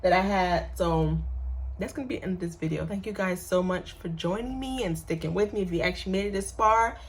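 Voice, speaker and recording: A woman's voice: fairly low pitch, fairly quick. A woman making a casual crafting vlog at home, talking to herself and her viewers as she works. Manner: chatty, talks to herself and viewers while working. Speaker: crafter making custom shirts.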